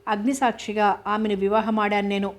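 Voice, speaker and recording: A woman reading a grave, steady husband. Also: medium pitch, close to an everyday voice. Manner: calm, measured, firm. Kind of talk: audiobook novel reading.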